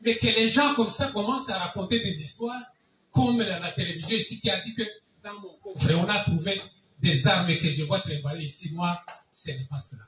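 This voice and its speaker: A man's voice: high-pitched, normal speed, bright, forceful tone, slight background noise. A man from Congo defending himself in court, indignant and emphatic, repeating his denials. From Congo (DRC). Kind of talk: courtroom self-defense statement. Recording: echoey distant dull courtroom audio.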